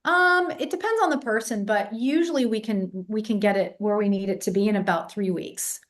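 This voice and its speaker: A woman raised in England, a vocal coach, tells stories in a casual interview as an animated storyteller who demonstrates vocal sounds. She sounds congested, her voice less clear than usual. Her voice is mid-range and fairly quick.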